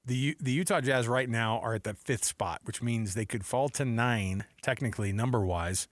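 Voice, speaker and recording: An American radio host gives opinionated sports commentary in an emphatic, conversational way. He speaks at a medium pitch and a moderate pace, and the studio sound is dry and close.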